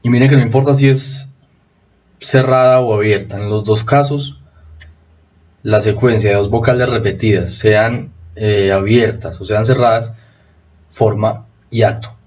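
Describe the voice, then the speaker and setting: A man giving a recorded spelling lesson, explaining rules slowly and repeating them for emphasis. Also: lowish voice, fairly even intonation, darkish tone, highs cut off. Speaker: spelling teacher.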